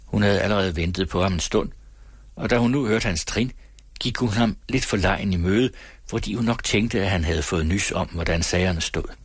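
A man reading a novel aloud in a measured storytelling manner. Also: low voice, breathy edge, no echo, clean studio sound. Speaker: narrator.

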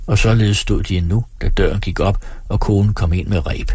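Male audiobook narrator, husky and low, measured delivery, dry close mic. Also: dry recording. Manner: steady, measured reading.

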